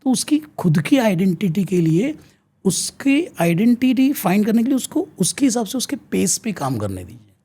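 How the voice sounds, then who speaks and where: Husky Indian man giving animated advice. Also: sits high, normal speed. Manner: earnest, lecturing, switching between Hindi and English mid-sentence. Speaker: guest, teacher and counsellor. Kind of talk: explanatory advice in mixed Hindi and English.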